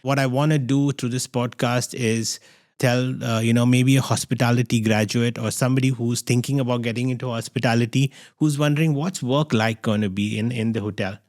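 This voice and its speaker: A man's voice: mid-range voice, fairly even intonation, fairly quick, a little mellow, no room sound, clean studio sound. A middle-aged man from Goa, hosting a podcast interview in a rambling way with many restarts. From Goa, India. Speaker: podcast host. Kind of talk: casual interview chat.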